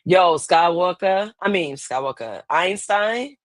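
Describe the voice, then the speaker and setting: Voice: mid-range voice, expressive, slow pace, no room sound. A laid-back podcast host talking casually from home through wireless earbuds, the voice chopped and thinned by noise cancellation. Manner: laid-back, rambling, loud exclamations. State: sleepy, just out of bed. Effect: voice clipped by earbud noise cancellation. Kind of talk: casual chat. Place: home, at a computer.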